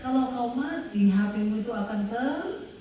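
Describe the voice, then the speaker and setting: A woman pastor preaching an animated sermon, telling stories and calling out to the congregation. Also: on the high side, a little slow, a crowd in the background. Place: large revival hall. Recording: echoey hall, mic at a distance.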